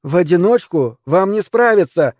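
A man's voice: sits high, expressive, moderate pace, darkish tone, dry recording, studio quality, pitched above the performer's own voice. A man voicing a confident, headstrong young woman who speaks in a raised, insistent way. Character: bold young woman, sure-footed, headstrong.

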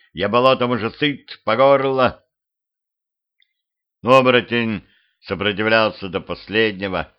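A man's voice: lowish voice, smooth. Man narrating an audiobook, lo-fi. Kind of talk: scripted narration of a humorous mystic tale. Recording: slightly dull lo-fi home recording.

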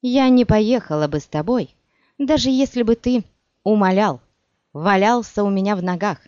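A woman voicing a proud, scornful sorceress who speaks in a sharp, biting, mocking way, in an audiobook. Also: lowish voice, sing-song, measured pace, no echo. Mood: furious. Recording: dull dry recording.

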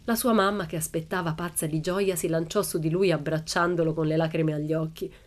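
A woman reading a children's novel aloud in calm, even storytelling narration with an Italian accent. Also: deep voice, a little fast. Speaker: audiobook reader. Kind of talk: scripted narration. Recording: faint music under the voice.

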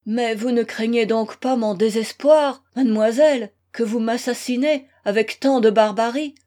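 Read by a woman, a desperate young man in a storybook pleads with anguished passion. His words come slow and heavy, in a slightly high register. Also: darkish tone, close to an everyday voice.

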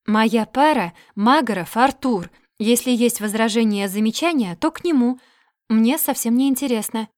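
A woman voicing a defiant, sharp-tongued young woman who answers curtly and firmly in an audiobook. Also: on the high side, moderate pace, no room sound, clean studio sound, lightly acted.

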